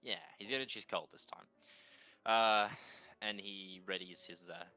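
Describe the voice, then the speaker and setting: Deep, slow-talking male tabletop player. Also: steady tone, sharp tone, no room sound, soft background music, rough recording. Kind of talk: casual narration of character's actions.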